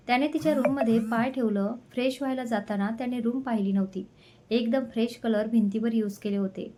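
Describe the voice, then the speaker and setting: A woman's voice: fairly high pitch, mellow. A woman reading a romance story aloud, voicing both lovers in her own voice.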